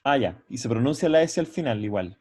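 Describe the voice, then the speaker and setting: A man's voice: medium pitch, lively intonation, darkish tone, breathy edge. A man giving an online university lecture from a computer microphone. He explains step by step, often stops to check that students follow, and restarts his sentences as he thinks. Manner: halting, with frequent restarts. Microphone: computer mic on a video call.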